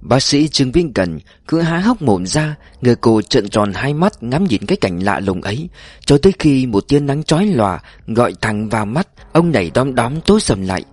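A man narrating a story in a measured audiobook style, slowing down for emphasis. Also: mid-range voice, big pitch swings, darkish tone, breathy edge, no room sound.

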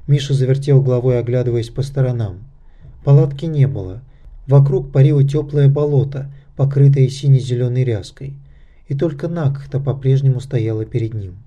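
A man narrating an audiobook of a fantasy mystery in a measured, steady reading. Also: medium pitch. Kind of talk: scripted narration.

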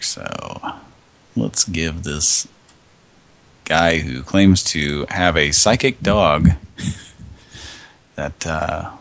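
Deep, slow, hoarse radio host. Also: male voice, a bit bright. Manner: rambling, meandering, chuckling often. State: hoarse, scratchy throat. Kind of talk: casual radio chat.

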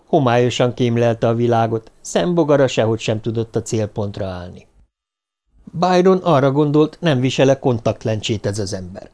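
A man narrating an audiobook in a steady, even delivery. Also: mid-range voice.

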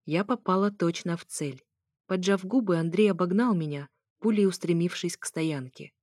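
A woman's voice: fairly low pitch, normal speed, a little mellow, no room sound. Audiobook narrator, woman, wry first-person reading, dry close recording.

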